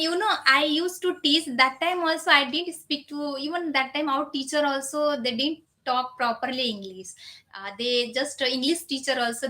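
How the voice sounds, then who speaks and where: The recording is low-quality, capturing a thirties-aged woman whose first language is Nepali as she hosts a live stream and chats with viewers. Her high voice is pushed and bright, and her English is loose in grammar and heavy on filler phrases.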